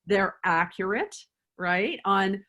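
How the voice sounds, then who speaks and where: A woman's voice: medium pitch, animated, slow pace, sharp tone. Earnest woman chiropractor guest. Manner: earnest, thoughtful, guides listener through a breathing reflection. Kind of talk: reflective interview answers.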